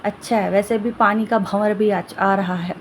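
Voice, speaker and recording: A woman's voice: mid-range voice, fairly even intonation, normal speed, a little hiss or hum, natural voice. A woman voicing gloating, threatening thugs. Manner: mocking, threatening, crude.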